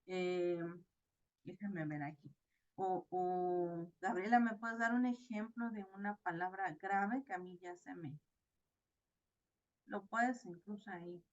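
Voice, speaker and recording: A woman teacher giving an online class lecture, explaining slowly and checking in often with her students. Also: on the low side, steady tone, lo-fi sound. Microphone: video call.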